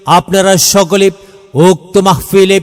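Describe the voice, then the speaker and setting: A man's voice: high-pitched, fairly even intonation, a little slow, clean tone. A man reading a scripted promotional announcement in a formal, declamatory, phrase-by-phrase delivery that edges into chanting. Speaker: announcer of a religious gathering advertisement. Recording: long hall reverb, music behind. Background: music.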